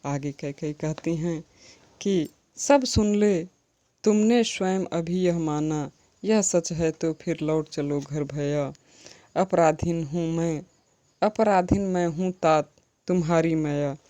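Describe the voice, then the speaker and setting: A woman's voice: low voice, slow pace, dark tone. A woman teacher reciting lines of verse and then explaining them plainly to her students. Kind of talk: Hindi poetry lesson explanation.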